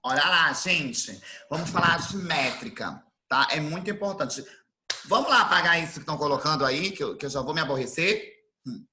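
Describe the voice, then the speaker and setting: A man from Brazil teaching an online class, explaining things slowly and repeating his definitions. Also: fairly high pitch, expressive, pushed and bright, a little hiss or hum. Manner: slow, didactic, repeats definitions. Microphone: computer mic on video call.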